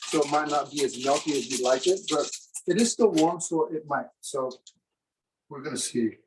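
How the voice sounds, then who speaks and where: A man presenting a live cooking demonstration for students, in a relaxed, chatty way with many fillers. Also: fairly high pitch, moderate pace, distant mic, noisy background.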